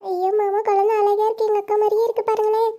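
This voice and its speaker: Child as a teen younger sister, emotional, eager, very high, mellow. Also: level tone, quick pace. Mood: excited. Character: younger sister Radhika, tearful teenage girl.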